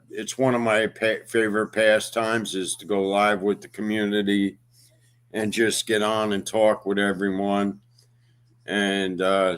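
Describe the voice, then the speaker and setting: A man in his fifties hosting a casual livestream, talking slowly and haltingly with many pauses and fillers. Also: lowish voice, fairly bright tone, clean tone. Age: 50s. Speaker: livestream host.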